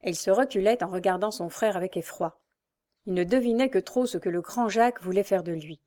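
A woman narrating a classic novel as an audiobook, in a measured, dramatic storytelling manner. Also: mid-range voice, mellow.

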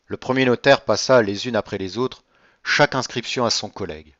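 A man narrating a classic novel in a steady, measured reading. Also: mid-range voice, no echo. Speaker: audiobook reader. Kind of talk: scripted narration. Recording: dry, slightly dull recording.

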